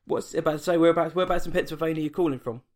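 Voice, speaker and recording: Talking very fast in a higher-pitched voice with fairly even intonation, this English film-podcast host interviews a guest casually over an online call. It's late at night at home, and he's chatty and self-deprecating, with frequent restarts.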